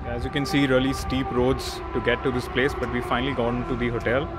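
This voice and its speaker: Brief: thirties man, laid-back travel vlogger, filmed at arm's length, loud music underneath. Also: mid-range voice, fairly quick. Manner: relaxed, informal, many fillers. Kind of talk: casual travel vlog. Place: outdoors and in a car.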